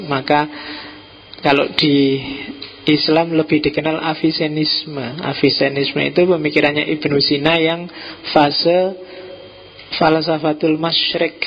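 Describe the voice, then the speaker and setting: Middle-aged Javanese-accented male lecturer, gravelly, joking and relaxed, lo-fi recording. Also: on the high side. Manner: relaxed, joking, mixes in local words. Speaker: philosophy lecturer. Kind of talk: informal public lecture. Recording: dull lo-fi recording with faint noise.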